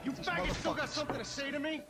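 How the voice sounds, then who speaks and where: An actor playing a rowdy, drunken male bar patron who talks loud, rough and mocking. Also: very high-pitched, fast talker. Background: game music.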